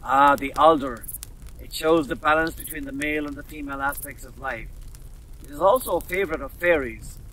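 Wise calm wolfhound guide voiced by a male storyteller, storybook reading, mic a bit far off, faint hiss. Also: a little high, fairly quick. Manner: calm, teaching tone. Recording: slightly distant mic, faint noise.

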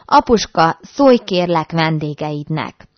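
A woman's voice: low-pitched, lively intonation, no room sound. A woman voicing an anxious young bridegroom who pleads fretfully. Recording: dull dry recording.

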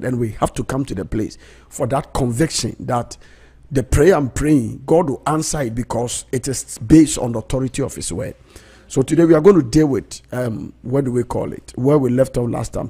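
A man's voice: mid-range voice, gravelly, mellow, husky. A middle-aged man, preaching as host of a prayer broadcast, emphatic and repeating key phrases, on a close studio mic. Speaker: pastor and prayer programme host. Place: small indoor radio studio. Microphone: close studio mic on boom arm, headphones.

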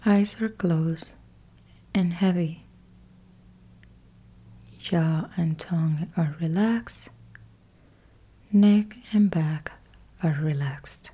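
Guiding listeners toward sleep, a woman with a lowish voice works as a yoga nidra teacher. She keeps to a soothing hush, speaking in short, measured phrases with soft, breathy endings.

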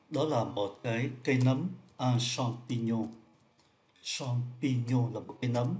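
A man's voice: medium pitch, darkish tone. Patient man explaining French riddles. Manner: patient, repeats each point, slows down for French words. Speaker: French teacher.

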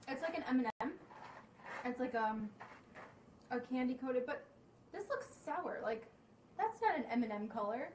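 A young woman with a fairly high voice chats through a snack tasting, giving blunt, candid verdicts as she goes. She sits back from the camera mic in a roomy, echoing indoor space. A faint hiss sits under her voice. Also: far from the mic. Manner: chatty, candid reactions while tasting. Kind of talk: casual snack review vlog.

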